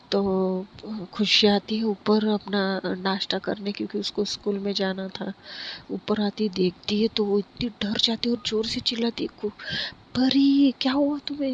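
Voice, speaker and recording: A woman's voice: medium pitch, highs cut off, a little hiss or hum. A woman casually retelling a love story in a loose, conversational way, speaking the characters' lines herself.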